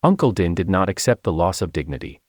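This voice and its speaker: Casting: low-voiced man, expressive memoir narrator, lively delivery. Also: quick pace, no echo, studio quality. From China. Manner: expressive storytelling.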